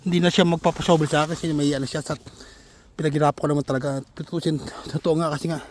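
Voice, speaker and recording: A man's voice: a little high, steady tone, rapid-fire, a little hiss or hum. Breathless man vlogging outdoors. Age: older. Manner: chatty, laughs often between phrases. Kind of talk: casual vlog narration while shoveling snow. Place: outdoors in winter snow.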